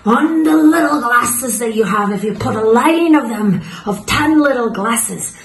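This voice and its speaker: A woman's voice: a little high, slight background noise, pitched above the performer's own voice. A woman voicing a boastful drunk male pirate making a swaggering bet. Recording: roomy echo.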